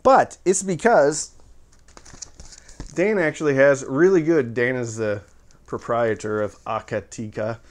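A man's voice: medium pitch, measured pace, long pauses. A man hosting his own channel, casually reviewing audio equipment with joking asides and step-by-step explanations. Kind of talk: casual product review to camera.

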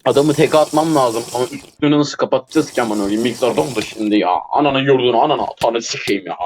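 A man playing an online game with a teammate, swearing constantly and shouting in frustration. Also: medium pitch, fast, a little hiss or hum. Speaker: gamer streamer. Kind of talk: casual gameplay chat with teammate.

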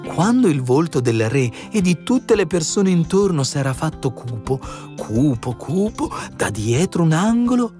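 A man reads a fairy tale aloud in an expressive, animated way, his voice on the higher side and swinging widely in pitch. Soft music plays faintly underneath. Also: moderate pace, hardly any pauses. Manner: expressive storytelling. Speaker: audiobook narrator. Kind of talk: scripted fairy-tale narration.

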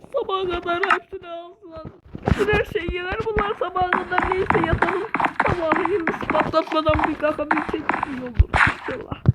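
A woman giving panicky, cursing gameplay commentary with frequent frightened shouts. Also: very high-pitched. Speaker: gameplay streamer. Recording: loud clicking noise.

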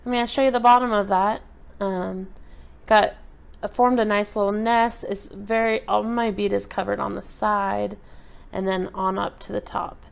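A woman talks through a step-by-step craft tutorial in an easy, chatty way as she works. Her voice sits at a middle pitch and has a gravelly edge. She sounds like she is at a table indoors. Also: moderate pace. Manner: relaxed, chatty explaining while working with her hands. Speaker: craft instructor.

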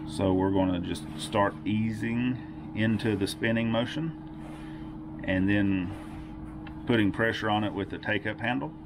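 A patient, methodical man demonstrates workshop tools in a step-by-step tutorial, repeating the key points. His voice is deep and slow, recorded near the bench in a home workshop indoors, with steady noise in the background.

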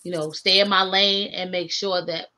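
A middle-aged woman rapper, a guest on a casual video call, talks earnestly and reflectively from her home studio, where framed records hang, laughing often. Her voice sits on the low side, bright and forceful, with flat delivery at a moderate pace. The webcam audio sounds dull and lo-fi.

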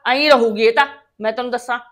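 A woman's voice: fairly high pitch, fairly even intonation, a bit bright, natural voice. A woman playing a bossy, scolding mother-in-law. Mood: berating. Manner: scolding, mocking, quick to insult. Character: sharp-tongued, bossy village mother-in-law. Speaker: domineering mother-in-law in comic drama.

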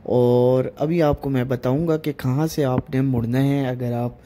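A man with a Pakistani Urdu accent narrating a travel vlog voice-over in a relaxed, guiding way. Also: mid-range voice, unhurried, background noise. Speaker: vlogger narrating trip.

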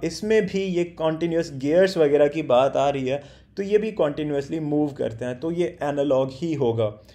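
A man with a fairly high but mellow, soft-edged voice gives a beginner lecture. He explains things step by step, pausing often with hesitation sounds, and slows right down whenever he reads English text off a slide. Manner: explains step by step, many hesitation sounds, stumbles on foreign names. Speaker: teacher.

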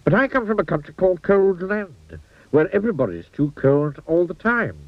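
A man's voice: high-pitched, big pitch swings, moderate pace, no room sound, pitched above the performer's own voice. A man voicing Mr Sneeze, a little man who always sneezes, speaking in a puzzled, plaintive way. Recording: dull lo-fi old TV soundtrack.

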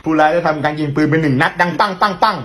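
Dude reporting on police radio, fast, static hiss behind. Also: male voice, a little high. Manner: rapid reports ending in sign-offs.

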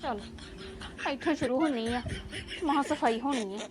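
A woman's voice: high voice, moderate pace, noisy background, close to an everyday voice. A woman playing a dramatic, complaining village daughter-in-law in a Punjabi web drama, exclaiming and muttering to herself with a Punjabi accent. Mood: chatty, determined.

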